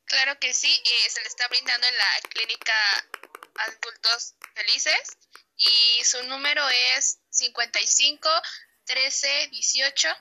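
Woman playing concerned Mexican daughter, high forceful voice, polite and earnest amateur role-play. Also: fairly even intonation, measured pace, low-quality recording. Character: dutiful, concerned adult daughter.

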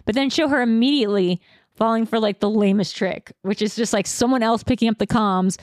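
A woman's voice: on the high side, fairly quick, no room sound. Woman gabbing about a movie, lots of um and like, dead dry room. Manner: chatty, many fillers, acts out quotes. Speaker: podcast co-host. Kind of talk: casual movie review chat.

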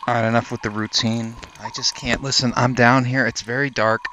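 A man improvising a comedy sketch, exasperated and deadpan. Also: mid-range voice, brisk, very noisy. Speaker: comedy podcast co-host.

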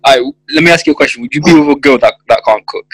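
A man's voice: medium pitch, racing, no echo, low-quality recording. A young man, casually putting questions in conversation. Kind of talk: casual chat, asking questions.

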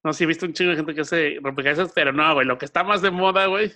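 A man with a Mexican accent chatting casually as a podcast co-host, full of slang and putting on quick voices in quotes. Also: fairly high pitch, sharp tone. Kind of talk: casual chat.

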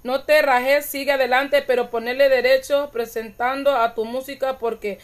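A woman hosts a casual live stream, speaking in a high voice. She is animated and chatty, and she laughs at her own stumbles as she reads comments to her viewers. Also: normal speed. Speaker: channel host reading live comments.

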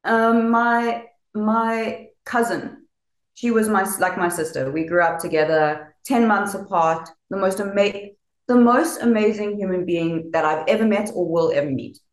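A woman's voice: medium pitch, a little slow, reverberant, rough recording. A woman guest telling her personal story candidly, laughing through hard memories.

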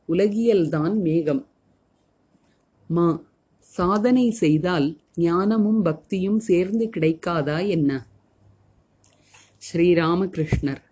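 A woman in scripted narration, reading a spiritual text aloud in a calm, measured way. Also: on the low side, husky.

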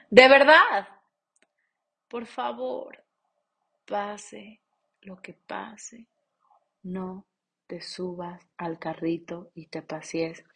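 A woman with a Mexican accent, in her thirties, giving a casual motivational talk, blunt and profane, swinging between loud urging and hushed pleading. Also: medium pitch, drawn-out words, creaky, long pauses, husky. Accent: Mexican Spanish. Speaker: self-help coach.

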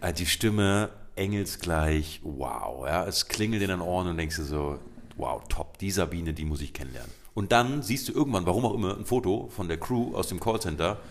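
A man's voice: sits low, animated, fairly quick, slight background noise. A man co-hosting a casual chat podcast, joking and teasing his partner with playful asides. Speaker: podcast co-host.

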